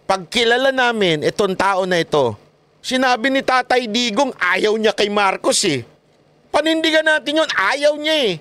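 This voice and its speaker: Animated high-voiced male vlogger. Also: normal speed, no echo. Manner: animated, mocking, laughs often. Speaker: political vlogger. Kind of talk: casual political commentary.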